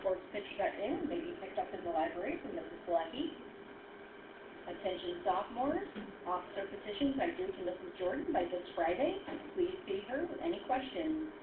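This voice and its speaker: A woman reading the day's school announcements in a clear, measured way over an intercom loudspeaker. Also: mid-range voice, noisy background. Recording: distant, tinny loudspeaker in an echoey classroom.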